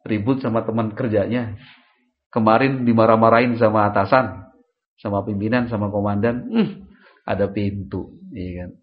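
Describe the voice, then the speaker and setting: With a lowish voice, a man gives an Islamic religious study lecture at a normal speed, broken by long pauses. He talks in a lively way and keeps asking his listeners rhetorical questions, while the audio has its high frequencies cut off.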